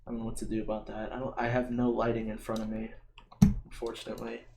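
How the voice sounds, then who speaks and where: A man's voice: on the low side, completely flat delivery, quick pace, creaky, very noisy. A young man with a slight lisp on his S sounds, chatting casually and hesitantly while he plays a video game. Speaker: vlogger playing a video game. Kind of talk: casual rambling chat while gaming. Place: dim room at home at a computer. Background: keyboard and mouse clicking.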